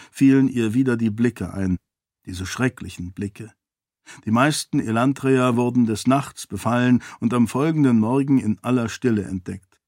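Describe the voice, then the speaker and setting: A man narrating a fantasy novel in calm, even audiobook style. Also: medium pitch, dry recording, clean studio sound. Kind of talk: scripted narration.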